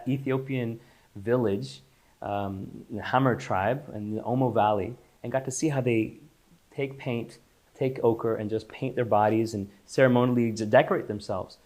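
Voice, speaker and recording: Speaking in an ordinary mid-pitched, slightly mellow voice, this Israeli-born, LA-raised company founder discusses his work in a casual interview. His delivery meanders, with frequent restarts and repeated words.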